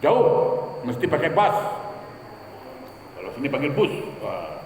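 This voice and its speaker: A man's voice: medium pitch, wildly swooping pitch, unhurried, gravelly, a little mellow, slight background noise. A man preaching a humorous sermon in a mosque, telling stories and acting out the people in them. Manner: storytelling, acting out quoted voices. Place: mosque hall. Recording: echoey mosque hall, faint ambience.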